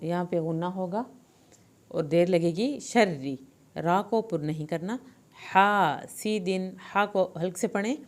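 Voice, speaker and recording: A woman teaching Quranic recitation with tajweed, explaining the pronunciation of each word patiently and step by step. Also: fairly low pitch. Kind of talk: Quran recitation lesson with slow drawn-out recitation.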